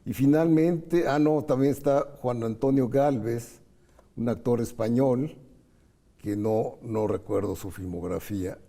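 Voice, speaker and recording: A man's voice: mid-range voice, measured pace, gravelly, dark tone. A middle-aged man co-hosting a film talk show, chatting casually and recalling films and actors' careers in detail. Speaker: film critic co-host. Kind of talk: casual conversation about film.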